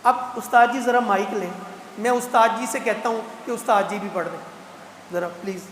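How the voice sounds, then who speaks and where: Man, mosque speaker, animated rhetorical style, echoey hall, faint background noise. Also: high-pitched. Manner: animated, teasing rhetorical questions to the crowd. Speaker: guest speaker at a Quran completion gathering. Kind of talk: mosque talk.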